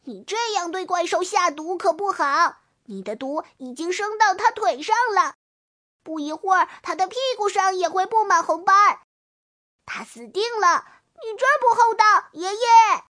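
A woman voicing a brave little boy toad in a storybook reading, talking fast and high as he scolds. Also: animated, pushed and bright, exaggerated voice. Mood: scolding.

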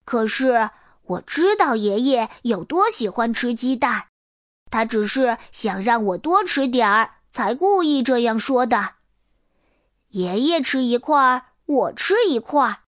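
A woman reading a children's storybook aloud, in a gentle, tender manner. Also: on the high side, lively intonation, unhurried, no room sound, studio quality. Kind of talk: storybook read-aloud narration.

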